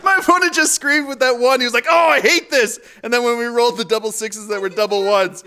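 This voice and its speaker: Man, high voice, bright, excitable, laughs a lot, tabletop game play-by-play host. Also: fast, clean tone. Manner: excitable, laughs often, bursts into whoops. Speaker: host and player.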